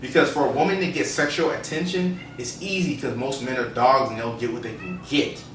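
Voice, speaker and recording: A male podcast co-host with a bright, forward voice gives his opinions casually and emphatically. He sounds roomy and slightly off the mic, with faint background noise. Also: mid-range voice, brisk, far from the mic.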